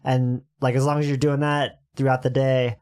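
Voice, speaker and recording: A man's voice: mid-range voice, level tone, moderate pace, a little mellow, clean tone. A man who is a comedian and musician, a guest in a casual podcast chat, talking loosely and thinking aloud.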